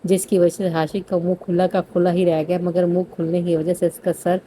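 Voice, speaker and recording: A woman's voice: fairly low pitch, level tone, warm tone, a little hiss or hum. A woman narrating a romance novel, reading steadily with occasional slips and restarts. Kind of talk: scripted audiobook narration.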